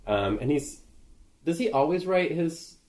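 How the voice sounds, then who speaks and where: A young man co-hosting a casual movie podcast, relaxed and quick to laugh. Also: a little high, roomy sound. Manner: relaxed, laughs easily, agreeable. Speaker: podcast co-host.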